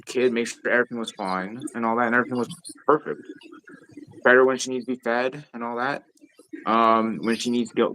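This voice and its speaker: A man's voice: mid-range voice, fairly bright tone, a little hiss or hum. A man live streaming in casual chat, rambling and swearing freely with lots of filler phrases.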